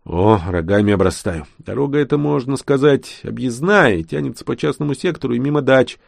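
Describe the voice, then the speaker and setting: A man's voice: mid-range voice, lively intonation, fairly quick, creaky, dry recording, clean studio sound, pitched above the performer's own voice. A man voicing a cautious city man who explains the route carefully. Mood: explaining.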